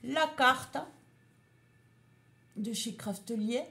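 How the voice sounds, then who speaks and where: A woman's voice: fairly high pitch, gravelly, pushed and bright. A woman chatting casually as she shows a craft haul, item by item. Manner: slow, chatty, showing items one by one. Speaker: craft vlogger.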